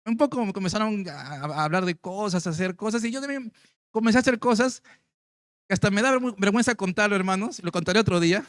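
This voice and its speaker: A man preaches a sermon testimony to his congregation, telling his own story and acting out the voices of the people in it. He speaks quickly in a high-pitched, fairly bright tone, recorded clean in a studio with no echo.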